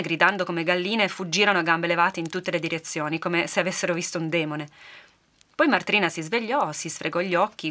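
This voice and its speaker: A woman narrating a folk tale for a podcast in a lively, expressive storytelling manner. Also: fairly low pitch.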